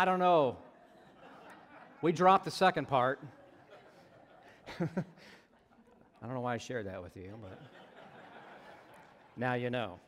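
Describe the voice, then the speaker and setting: Man, pastor, sermon, slightly high voice, long church-hall reverb. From United States. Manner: conversational, jokey asides, frequent "right?".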